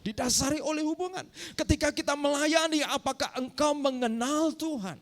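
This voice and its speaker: A man's voice: very high voice, moderate pace. A middle-aged man preaching a sermon as pastor, telling a story and often turning to address the congregation directly. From Indonesia.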